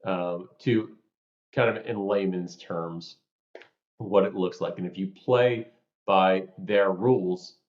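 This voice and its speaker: A man from New York co-hosting a podcast, explaining ideas through lively stories and examples. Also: low voice, slow. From New York, USA. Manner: animated storyteller, explains with examples. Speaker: podcast co-host. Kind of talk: casual podcast chat. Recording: roomy, slightly dull sound.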